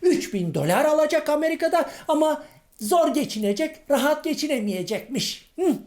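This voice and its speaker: A man's voice: extremely high pitch, lively intonation, moderate pace, a little mellow. A male comedian playing a grumbling, irritable middle-aged man on the street in a comic monologue sketch, ranting in folksy slang and firing off rhetorical questions.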